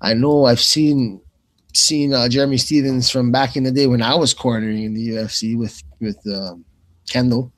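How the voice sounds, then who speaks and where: In a steady, mid-range voice at a moderate pace, a play-by-play man hosts live fight coverage on radio. He keeps it casual and rambling, circling back over the same phrases as he thinks aloud.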